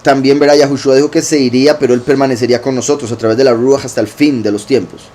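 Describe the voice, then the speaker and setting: A man teaching scripture in a relaxed, conversational way, often checking in with listeners and rephrasing as he goes. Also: mid-range voice, quick pace. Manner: informal, rephrases as he goes, asks "¿verdad?" often. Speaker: teacher of a congregation.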